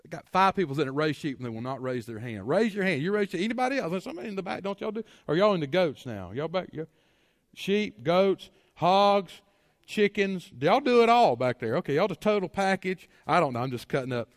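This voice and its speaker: A man's voice: high-pitched, lively intonation, fairly quick, dry recording, clean studio sound, big-room sound. A man preaching a sermon to his congregation, folksy, full of rhetorical questions and repeated words. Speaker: pastor. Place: church sanctuary.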